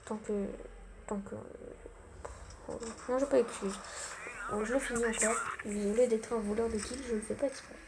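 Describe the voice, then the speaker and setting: A woman's voice: fairly high pitch, steady tone, moderate pace, long pauses, noisy background. A young woman giving casual, self-mocking gameplay commentary, full of gamer slang. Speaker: gaming channel host.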